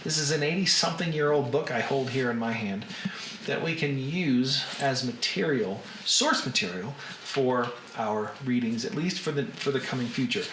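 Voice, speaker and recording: A man with a Southern US accent chatting casually to livestream viewers as host, in an unhurried drawl with drawn-out words. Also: medium pitch. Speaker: host of a live reading stream. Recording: roomy echo, faint background noise.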